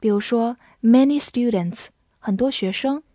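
A woman teaching English vocabulary in a scripted lesson, spelling each word letter by letter and reading example sentences slowly. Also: a little high, warm tone, no echo, clean studio sound.

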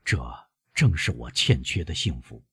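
A man reading an audiobook, voicing an older man who poses as a noble major, low, hushed and self-satisfied. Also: sing-song, measured pace, slightly rough, no room sound, studio quality, full character voice. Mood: smug.

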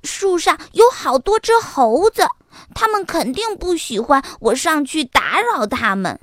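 A bold little boy fox, bursting with excitement and boasting about his adventures, as a woman puts him on. The voice runs high and swoops widely, unhurried. It sits in a dry, close storybook recording. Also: dry recording, heavily acted. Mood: eager. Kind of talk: children's storybook reading.

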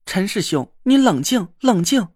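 A man voicing a stern middle-aged military commander who gives brisk orders. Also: sits high, very animated, slightly rough, no room sound, clean studio sound, full character voice. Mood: urgent. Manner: brisk, commanding, a bit louder.

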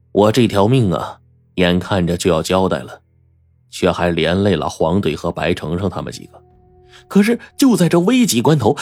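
Deep, animated male storyteller. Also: dry recording. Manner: dramatic, animated. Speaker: audiobook narrator. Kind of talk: first-person storytelling narration.

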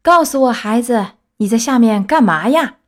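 A woman voicing a large pigeon in a storybook, calling out questions loudly. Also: sits high, sing-song, moderate pace, voice pushed up. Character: big kindly pigeon, calling from above.

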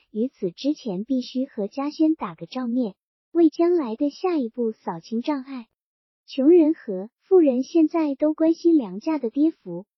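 A woman with a high, slightly husky voice reads a novel aloud as a storyteller, lifting and dropping her loudness as she voices each character. The recording is dry and a little muffled, with no room sound around her. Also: dry recording. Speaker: narrator. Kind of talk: storytelling audiobook reading.

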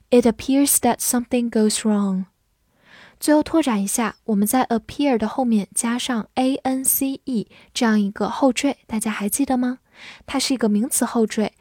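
Slow, dry-voiced woman teaching English words. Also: fairly high pitch, darkish tone, no room sound. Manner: spells words letter by letter and reads example sentences slowly. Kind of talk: scripted vocabulary lesson.

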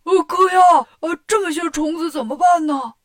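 A woman's voice: on the high side, moderate pace, close to an everyday voice. A woman voicing a clumsy, whiny pig-man disciple in a children's story. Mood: fretful.

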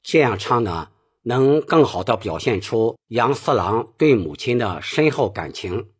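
A man teaches Peking opera singing at an unhurried pace, patiently explaining each phrase before he sings it. His voice is a little husky, and his pitch moves freely as he explains. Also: big pitch swings. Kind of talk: spoken singing lesson.

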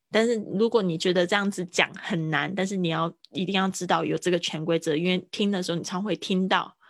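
A woman from Taiwan, teaching English pronunciation in a livestream lesson and repeating phrases slowly. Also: fairly low pitch, creaky, no echo, clean studio sound.

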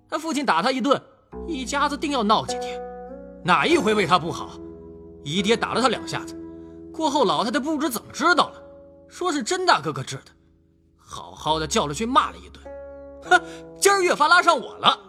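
A blustering young hothead, played by a man in an audio drama, pitched high with a bright, cutting tone and a husky grain. His voice swings wildly up and down as he rants, and faint music plays behind him. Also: wildly swooping pitch, a little fast, pauses often, heavily acted. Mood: angry. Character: hot-headed young man, blunt and quarrelsome.

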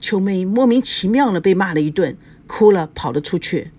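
A woman narrating a spoken story in an expressive reading style. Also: mid-range voice, moderate pace, slight background noise.

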